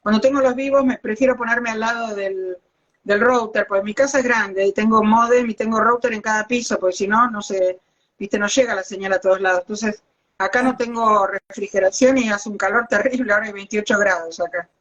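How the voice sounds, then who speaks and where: A woman with an Argentine accent, a biologist guest chatting casually in a live video call from a hallway at home, overheated and talking in quick asides. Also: medium pitch, fairly even intonation, a bit bright. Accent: Argentine Spanish. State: overheated from the heat. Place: hallway at home beside the router. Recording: lo-fi phone audio.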